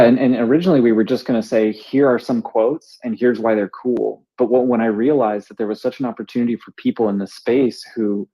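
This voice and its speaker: A man's voice: on the low side, warm tone, breathy edge, low-quality recording. A man co-hosting a talk show, explaining things casually as an author. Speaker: co-host and author.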